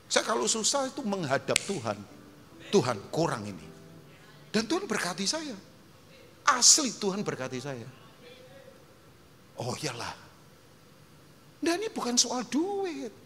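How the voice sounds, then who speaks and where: A man preaching a sermon as pastor, emphatic and animated, acting out quotes and dropping English phrases. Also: high-pitched, moderate pace, long pauses. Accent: Indonesian. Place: large church hall. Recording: long hall reverb, faint noise.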